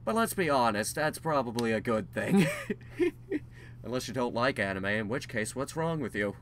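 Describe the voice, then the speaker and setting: Young male vlogger, mid-pitched, rambling and candid, faint hiss behind. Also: lively intonation, fairly quick, fairly bright tone. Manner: rambling, with frequent ums and restarts; candid and self-deprecating. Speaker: channel host giving a news update. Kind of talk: casual vlog update.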